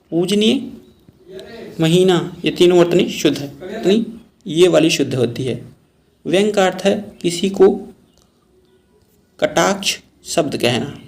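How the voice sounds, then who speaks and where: Male Hindi teacher, raised gravelly voice, repeats each word while explaining spelling for exam prep. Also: a little high, darkish tone. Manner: explains word by word, repeats terms, calls viewers "friends".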